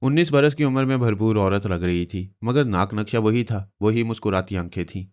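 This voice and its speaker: This is a man reading a novel aloud in a steady, dramatic audiobook style. His voice is low. It sounds smooth and resonant. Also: normal speed. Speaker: storyteller.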